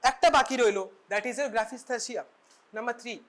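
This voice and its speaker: A young woman with a Bengali accent teaching a medical class, her voice sitting a little high. She mixes English and Bengali, often fast, and punctuates points with tag questions like "okay" and "right". The delivery is that of a lecture to a room of students. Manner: switches between English and Bengali, quick asides with questioning tag words.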